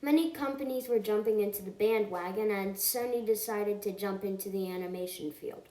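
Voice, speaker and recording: A woman's voice: mid-range voice, a little fast, warm tone. A woman reviewing a film in a scripted voice-over. She talks earnestly and emphatically and often stops to correct herself. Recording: echoey room.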